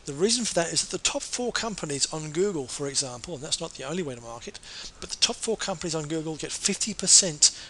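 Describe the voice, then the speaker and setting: A man, a marketing consultant, giving an earnest, persuasive sales pitch and now and then correcting himself mid-sentence. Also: expressive, quick pace, few pauses, a bit bright, slight background noise, rough recording.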